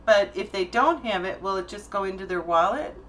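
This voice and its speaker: A woman with a bright, crisp voice hosts a casual online interview. She asks chatty follow-up questions. A faint hiss sits behind her. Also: mid-range voice, animated, brisk, low-quality recording. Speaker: host interviewer.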